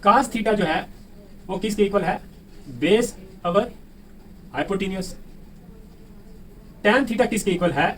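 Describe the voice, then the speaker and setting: A man's voice: high voice, slow pace, long pauses, fairly bright tone. A man with a Pakistani Urdu accent teaching a math lesson, who keeps asking the class questions and answering them himself. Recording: distant mic with faint room noise.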